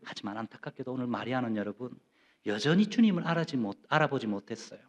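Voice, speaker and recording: A man's voice: mid-range voice, animated, fast talker. A middle-aged Korean man preaching a sermon, emphatic, often putting questions to the congregation and acting out quoted voices. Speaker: pastor.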